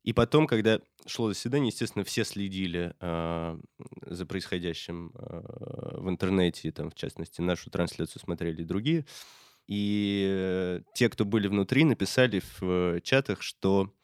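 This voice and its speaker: A man, a reporter, recounting events in casual talk, halting with frequent filler sounds. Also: deep voice, clean tone, no echo, clean studio sound. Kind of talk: casual spoken recollection.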